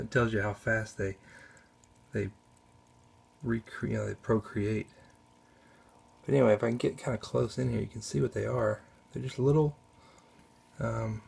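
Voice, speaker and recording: A man giving casual off-camera commentary on his home aquarium, talking in a relaxed, halting way with many restarts, recorded on a camera mic in a spare bedroom. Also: mid-range voice, vocal fry, husky. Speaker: aquarium hobbyist.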